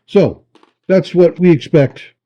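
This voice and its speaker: A man giving a folksy, unhurried hands-on demonstration, thinking aloud, his voice muffled by a camera microphone. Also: fairly high pitch. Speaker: host of a rock tumbling hobby channel. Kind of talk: casual hands-on demonstration talk. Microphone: camera's built-in microphone.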